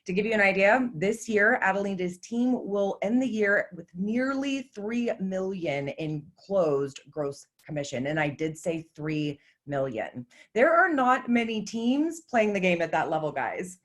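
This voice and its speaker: A woman's voice: mid-range voice, expressive, unhurried, few pauses. A woman hosting a live stream, giving a scripted and upbeat introduction, emphatic and promotional, over a video call. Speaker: host.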